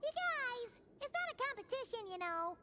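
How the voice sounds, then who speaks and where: A woman voicing a tiny, perky, childlike fairy companion in a video game, with a squeaky voice. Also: sing-song, normal speed, very noisy. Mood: perky, prodding. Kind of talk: English video game voice acting.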